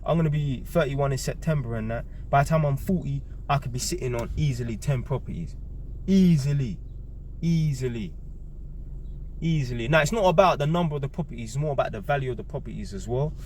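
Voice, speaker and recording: A man's voice: medium pitch, fairly quick, a little mellow, a little hiss or hum. A man, giving a blunt, emphatic monologue to camera, repeating key words and swearing freely. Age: 30s. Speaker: vlogger.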